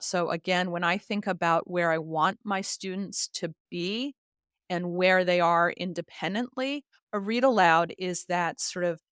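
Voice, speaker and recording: Her lowish voice is a bit bright and clean, captured in clean studio sound without echo. As an expert guest who is a literacy educator and author, she gives articulate, emphatic interview explanations in a teacherly style, drawing on examples and lists.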